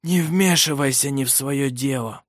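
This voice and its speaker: A cold, menacing man, as a male narrator puts him on, barking curt commands in a lifeless, monotone, hoarse rasp. It is an audiobook character voice. The sound is dry and close. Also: medium pitch, normal speed, no echo, close to an everyday voice.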